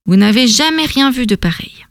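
Brief: storybook boy, wary, bargaining, quietly lowered voice, played by a woman narrator, dry recording. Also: lively intonation, normal speed, no room sound. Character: shrewd, wary young boy wanderer.

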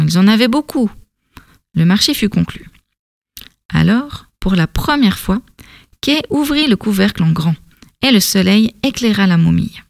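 A woman narrating a storybook in a calm, measured reading voice. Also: medium pitch, creaky, dry recording, studio quality.

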